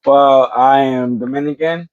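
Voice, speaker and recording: A man answers interview questions in short, halting bursts and often restarts his sentences. His voice sits at an ordinary pitch. The recording sounds dull and dry, with no room echo. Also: steady tone. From the Bronx, New York, United States. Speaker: interview guest.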